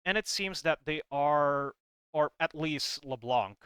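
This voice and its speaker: Here a video creator gives casual, rambling commentary on game lore while talking through what he shows, hedging and reading comic text aloud between remarks. His fairly high voice is a bit bright and smooth, unhurried, and recorded with no echo.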